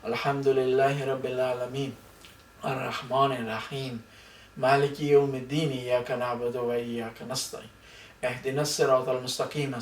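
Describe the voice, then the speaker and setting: A man giving a mourning majlis sermon and prayers, impassioned and rising to cries at the climaxes. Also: mid-range voice. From Pakistan. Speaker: majlis speaker. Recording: echoey hall, mic far off.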